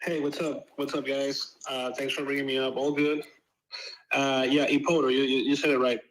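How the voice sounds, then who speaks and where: A man pitching a name on a casual audio panel, laid-back and restarting his phrases. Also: level tone, moderate pace, fairly bright tone, poor audio. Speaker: domain seller pitching a name. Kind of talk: casual chat.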